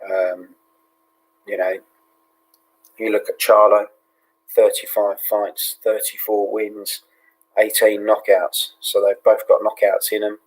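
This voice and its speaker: Hushed British man, flat husky voice. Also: on the low side, slow pace, long pauses, rough recording. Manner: speaking hushed, half-whispering; relaxed, with many fillers like um and yeah. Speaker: host of a live fight watch-along. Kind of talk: low-key live fight commentary.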